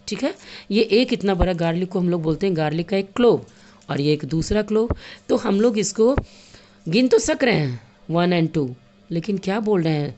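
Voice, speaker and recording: A woman's voice: medium pitch, warm tone. A woman teaching young children a grammar lesson in mixed with terms, patiently counting objects aloud and repeating points.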